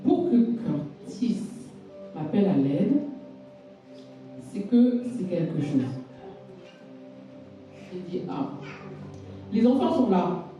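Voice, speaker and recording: A woman's voice: on the low side, big pitch swings, slow pace, long pauses, lo-fi sound. A woman preacher giving a sermon with a personal testimony, telling her story with emphatic repetitions. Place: church hall. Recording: echoey hall from far off, faint music.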